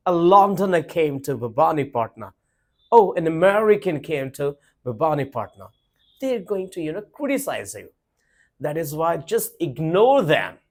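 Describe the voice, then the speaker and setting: A male English teacher with a lively pitch gives a spoken English lesson to camera. He's emphatic, repeating his points and asking rhetorical questions.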